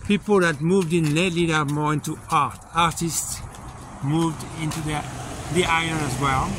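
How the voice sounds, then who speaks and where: A man casually narrating a travel vlog while walking outdoors, relaxed and unhurried with plenty of fillers, recorded on a handheld camera. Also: a little high. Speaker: travel vlogger. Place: outdoors on a quiet island street. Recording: outdoor street noise behind.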